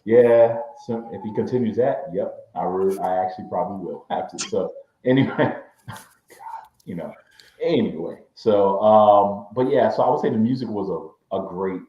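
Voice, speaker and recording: A man with a very low voice talks loosely on a casual review podcast, stopping and restarting with plenty of fillers. His backup mic catches a strong room echo, and the sound is dull and lo-fi. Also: normal speed. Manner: rambling, hesitant, many fillers and restarts. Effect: echoey room sound from a backup mic. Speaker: podcast co-host reviewing a series. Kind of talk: casual chat. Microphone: backup mic after his main mic failed.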